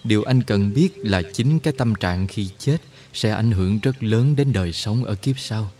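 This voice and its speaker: A man voicing a calm older male spiritual guide who explains things slowly and soothingly. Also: on the low side, a little hiss or hum, natural voice. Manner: slow, measured, soothing explanations.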